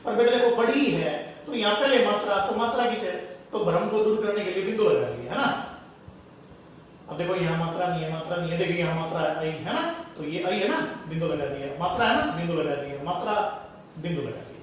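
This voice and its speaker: Echoey, distant Hindi grammar teacher. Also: male voice, high voice, animated, a little fast, slight background noise. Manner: addresses students as children, repeats points patiently. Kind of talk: classroom lesson explaining grammar.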